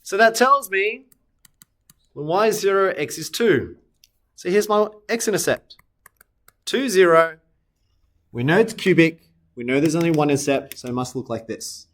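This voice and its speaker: A man with a slightly high voice explains maths step by step in a recorded lesson. He poses questions to students and answers them himself, fixing his sketches aloud as he draws. Soft clicks come in behind him. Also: lively intonation, normal speed, long pauses. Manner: talks students through steps, asks and answers own questions; self-correcting while sketching on screen. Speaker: maths teacher.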